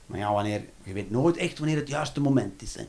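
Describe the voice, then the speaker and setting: A man performing a stand-up comedy routine. He swings between loud outbursts and low muttering, and he swears. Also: lively intonation, brisk, slight background noise.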